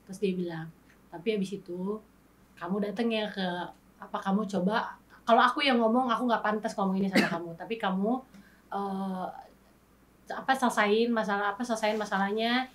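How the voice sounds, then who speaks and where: A woman guest on an interview show, telling her story in candid, animated casual chat and acting out past arguments. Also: mid-range voice, brisk, far from the mic.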